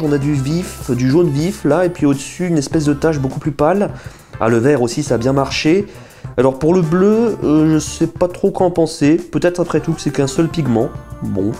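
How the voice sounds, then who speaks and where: Lively man explaining a chemistry experiment. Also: on the high side. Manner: lively, enthusiastic teaching tone with chatty asides. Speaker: science video host. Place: small indoor room, seated at a table.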